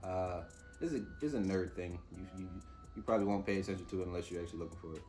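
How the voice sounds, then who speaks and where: A man's voice: deep voice, rapid-fire, a little mellow, soft background music. A man giving a casual, off-the-cuff TV review, informal and opinionated as he mulls things over aloud. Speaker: host reviewing TV episodes.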